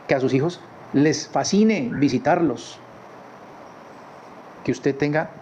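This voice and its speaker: Man, informal Bible teacher, chatty, mid-pitched, recorded slightly dull with faint noise behind. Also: darkish tone. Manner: conversational, with rhetorical tag questions. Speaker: Torah teacher. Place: his home.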